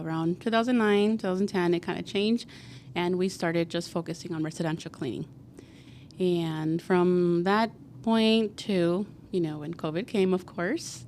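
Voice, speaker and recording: A woman's voice: lowish voice, darkish tone, a little hiss or hum. A woman in her forties from Guatemala, a podcast guest telling her story in a chatty way full of fillers. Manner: chatty, many fillers like "like" and "you know". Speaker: guest, cleaning company founder. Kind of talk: casual podcast interview.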